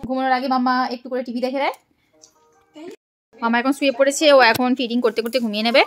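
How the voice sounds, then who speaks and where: A young woman filming a home vlog as a mother, narrating and chatting in playful sing-song baby talk to her toddler. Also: high voice. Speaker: mother and vlogger.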